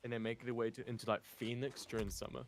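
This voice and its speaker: A man's voice: mid-range voice, level tone, quick pace. A man in casual gaming chat over a voice call, making dry, teasing comebacks. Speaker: gaming co-host. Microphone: computer mic on an online call. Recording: noisy call mic with clicks.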